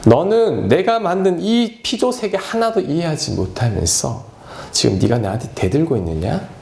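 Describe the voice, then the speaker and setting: A stern almighty God, rough at the edges, presses one challenging question after another with a rising, insistent lilt, voiced by a male preacher. The voice rings through an echoey church sanctuary. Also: fairly high pitch, sing-song, darkish tone. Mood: scolding. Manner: demanding, rapid-fire rhetorical questions.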